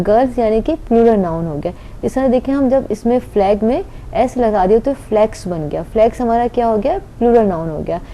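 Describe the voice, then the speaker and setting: A woman's voice: fairly high pitch, mellow, a little hiss or hum. A woman teaching an online grammar lesson, patiently explaining and answering her own questions.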